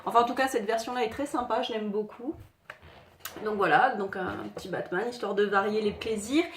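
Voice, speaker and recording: Chatty woman in an echoey room. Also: mid-range voice. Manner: chatty, halting, many fillers. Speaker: collector showing figurines. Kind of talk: casual unboxing chat. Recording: echoey room, faint noise.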